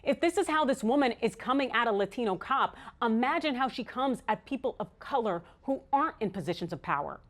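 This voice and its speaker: Female American host for opinion news, slightly high voice, very animated intonation, emphatic and sardonic. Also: brisk, few pauses. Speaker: online news show host. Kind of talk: scripted opinion commentary.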